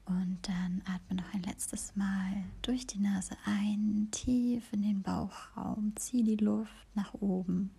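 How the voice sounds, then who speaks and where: A woman hosting a podcast, whispering a slow, soothing guided meditation. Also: medium pitch, steady tone, vocal fry, dark tone, breathy edge.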